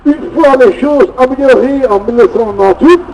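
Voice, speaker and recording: Speaking a little fast in a very high, darkish voice, a Belgian French-accented activist delivers an indignant political speech from notes at an outdoor rally, adding sardonic asides. The distant recording sounds muffled, with faint traffic noise.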